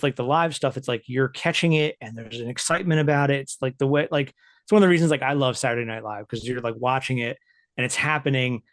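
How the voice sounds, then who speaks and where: A man chatting as a podcast guest in a relaxed, rambling way. He peppers his talk with fillers and laughs easily. His voice sits at a middling pitch, recorded close and dry. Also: no echo. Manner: loose and chatty, many "like" fillers, laughs often. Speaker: podcast guest, writer and editor. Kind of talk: casual interview chat.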